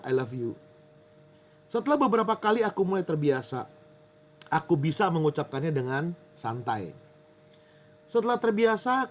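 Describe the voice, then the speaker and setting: A man preaches to his congregation in a lively, joking way, pausing to read a letter aloud. His voice sits a little high for a man. Faint noise hums behind him. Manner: jokes with the audience, reads a letter aloud. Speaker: pastor. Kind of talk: lively sermon with audience banter.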